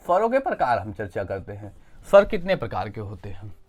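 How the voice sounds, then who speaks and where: A man's voice: fairly low pitch, huge pitch swings, brisk. A male teacher giving an exam coaching lesson, asking questions and answering them himself and correcting his own slips.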